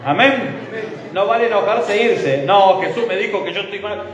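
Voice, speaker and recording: A man's voice: sits high, normal speed, fairly bright tone, slight background noise. A man with a Rioplatense Spanish accent, a pastor preaching a sermon and leading his congregation in call-and-response. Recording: echoey hall, dull sound.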